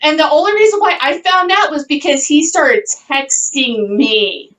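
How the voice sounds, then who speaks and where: A woman's voice: high-pitched, normal speed, fairly bright tone, recorded from a distance, rough recording. A woman telling a story in casual chat, swearing constantly and mimicking the people she talks about. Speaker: podcast co-host telling a story.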